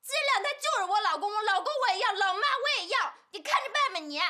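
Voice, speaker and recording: Defiant young bride. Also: female voice, extremely high pitch, sing-song, fairly quick, bright, forceful tone, full character voice. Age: young adult. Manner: stubborn, defiant retorts. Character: stubborn young newlywed daughter, defiant. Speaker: daughter. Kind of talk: TV drama acting.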